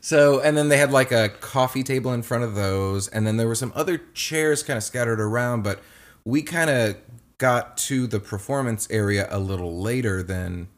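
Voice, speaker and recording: A young man co-hosting a casual chat, telling a story with lively acted-out quotes. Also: moderate pace. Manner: animated storyteller, acts out quotes in a high voice. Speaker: podcast co-host.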